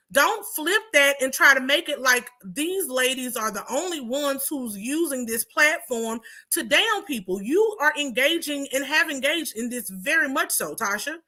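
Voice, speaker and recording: A woman's voice: high-pitched, bright, forceful tone. A woman hosting a commentary channel, chatting sassily and talking straight to her viewers. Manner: sassy, chatty, addresses viewers directly. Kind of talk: casual commentary.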